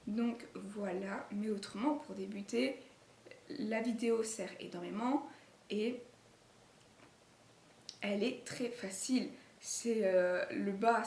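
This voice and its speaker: A woman's voice: medium pitch, darkish tone. A woman sewing vlogger with an accent, chatting casually about garments she made, full of fillers and restarts. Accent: non-native French accent. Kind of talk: casual chat showing garments. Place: indoor room at home, filming late in the day. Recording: echoey room with faint noise.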